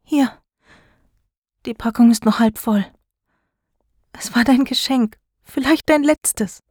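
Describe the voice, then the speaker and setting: A woman's voice: on the high side, slow pace, a little mellow, dry recording, voice pushed up. A woman voicing a frightened teenage schoolgirl, pleading and trembling in a dry storybook recording. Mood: sad.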